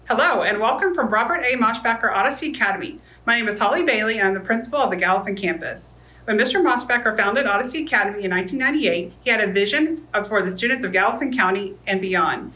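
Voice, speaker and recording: A woman's voice: medium pitch, animated, fast, bright, forceful tone, low-quality recording. A woman, a school principal, delivering a formal prepared welcome speech.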